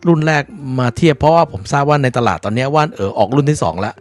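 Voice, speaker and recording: A man's voice: medium pitch, expressive, very fast. A Thai man giving a casual spoken review of earphones, repeating points to stress them.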